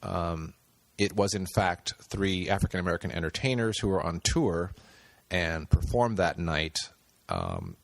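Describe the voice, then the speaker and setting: A screenwriter and director appears as a podcast guest in a casual interview, thinking aloud with many fillers and restarts. His low, creaky voice has a sing-song, unhurried quality, and the recording is dry.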